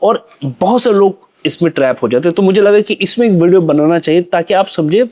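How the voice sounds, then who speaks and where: This young trading educator sounds animated, high-pitched and darkish in tone, talking a little fast as he teaches chart reading. He works through self-posed questions and repeats phrases for emphasis.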